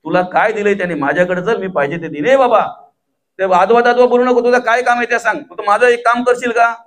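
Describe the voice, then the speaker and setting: A man's voice: high-pitched, fairly even intonation, fairly quick, a bit bright, pitched above the performer's own voice. A preacher doing a greedy demon king. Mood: demanding. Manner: covetous, demanding, gasping in awe. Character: proud greedy male demon king Ravana.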